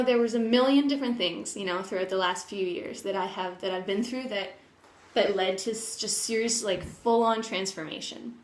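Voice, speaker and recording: A woman speaks pensively in a mid-pitched voice, as if thinking aloud in a personal vlog. The delivery is earnest and open, with thoughts that trail off and get picked up again. The room adds a clear echo around the words. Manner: candid, earnest, emotionally open. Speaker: personal development vlogger sharing their own journey. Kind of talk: reflective personal vlog monologue. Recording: echoey room.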